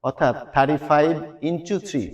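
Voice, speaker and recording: A man's voice: fairly high pitch, fairly even intonation, brisk. A man with a Bangladeshi accent teaching a spoken English lesson, repeating each phrase again and again as a drill. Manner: drills phrases with many repetitions.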